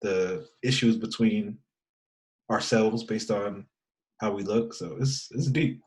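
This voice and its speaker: A man with a somewhat low voice, co-hosting a podcast. He chats casually and thoughtfully, letting sentences trail off and starting them again. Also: slow pace, a little mellow, rough recording. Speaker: podcast co-host. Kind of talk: casual chat.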